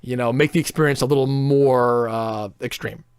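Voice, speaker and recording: A man's voice: medium pitch, steady tone, normal speed, clean tone, no room sound, clean studio sound. A man in casual podcast chat, reviewing theme parks in a blunt, opinionated way and swearing freely.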